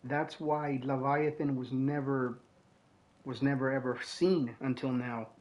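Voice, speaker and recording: A man's voice: mid-range voice, level tone, unhurried. A man giving casual commentary on a video game through a slightly dull, lo-fi microphone. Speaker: gameplay commentator.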